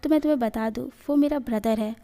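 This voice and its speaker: Brief: a woman doing a cheerful, teasing young guy, slightly high and mellow. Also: fast talker, natural voice. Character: young man, playful, pouting, cheerful.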